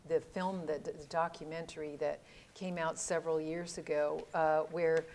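A woman in her sixties hosting a TV panel discussion in a studio, musing aloud and chiming in with quick reactions on a lapel mic. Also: low-pitched, little pitch movement, a little mellow. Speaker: host. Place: TV studio set.

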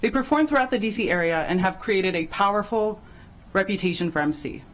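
A young woman from El Salvador reads prepared testimony in a composed, steady way into a desk microphone in a large council chamber. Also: medium pitch, a little fast, rough recording. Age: young adult. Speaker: public hearing speaker, college graduate. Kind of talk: prepared public testimony read aloud. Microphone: desk microphone on a stand.

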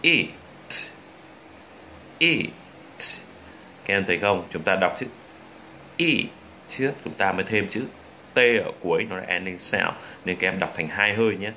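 A young man from Vietnam with a Vietnamese accent, teaching English pronunciation and slowly demonstrating and repeating drill words. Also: low voice, bright, forceful tone, a little hiss or hum.

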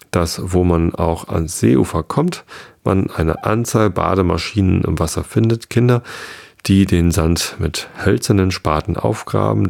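A man hosting a sleep podcast, reading a storybook aloud calmly and slowly. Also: sits low, gravelly. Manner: slow, calm reading aloud. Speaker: podcast host.

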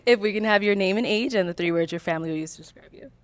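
A young woman hosting a dating show on a studio set, asking quick questions into a handheld mic and laughing often. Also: mid-range voice, no echo. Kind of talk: casual hosting banter. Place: bright indoor studio set.

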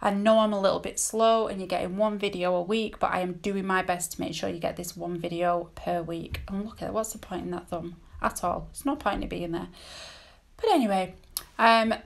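A British woman talks through a tutorial in a casual, chatty way. Her voice sits at a middling pitch with plenty of creak. She rambles candidly and breaks off her own sentences as she goes. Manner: rambling, self-interrupting, candid. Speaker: nail technician and tutorial host. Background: dogs barking at times.

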